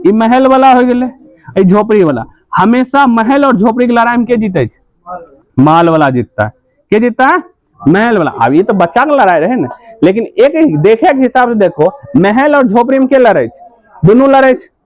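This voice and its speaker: A man's voice: very high voice, expressive, normal speed, dry recording. A male teacher with a Bihari accent explaining a story in a class lesson, keeps asking quiz questions and answering them himself, repeating key points. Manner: repetitive, drilling key points.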